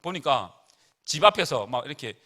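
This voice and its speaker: A man's voice: a little high, very animated, moderate pace, sharp tone. A middle-aged man preaching casually to teenagers at a retreat, chatty and joking as he tells family stories.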